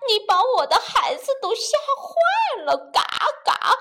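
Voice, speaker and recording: A woman's voice: extremely high pitch, big pitch swings, unhurried, pushed and bright, slight background noise, voice pushed up, heavily acted. A woman voicing a fussy mother duck in a storybook, quacking as she calls and scolds. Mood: angry.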